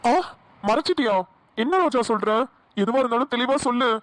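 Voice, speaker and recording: A woman with a Namakkal Tamil accent voicing a gentle, caring young male lover in a cartoon. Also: fairly high pitch, brisk, no room sound, lightly acted. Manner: soft, concerned.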